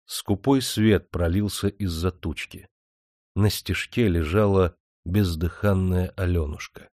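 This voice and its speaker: A man narrating an audiobook in a steady, measured storytelling manner. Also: sits low, dry recording, clean studio sound. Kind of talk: scripted narration.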